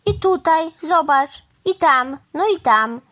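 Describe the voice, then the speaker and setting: High squawking crow, fussy and indignant, male storybook bird voiced by a woman, lively swooping pitch. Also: slow, full character voice. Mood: bossy.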